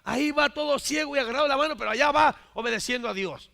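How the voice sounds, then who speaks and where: High, gravelly, emphatic male preacher. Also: fast. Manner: emphatic, swings from loud to hushed, keeps asking "¿verdad?". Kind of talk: Spanish-language church sermon.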